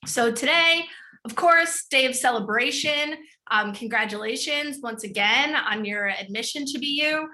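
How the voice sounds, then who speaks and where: A middle-aged woman from the Chicago suburbs hosts an online open house panel. She talks in an upbeat, chatty way with easy fillers. Her voice is bright and sits a little high. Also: a little slow. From northern suburbs of Chicago. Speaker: student programs director hosting a panel.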